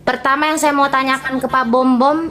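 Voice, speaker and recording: A woman calls in and presses her questions firmly. She repeats her accusations in a high voice and does not back down. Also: flat delivery, brisk, pushed and bright. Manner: firm, accusing, insistent. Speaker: caller. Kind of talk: phone-in confrontation.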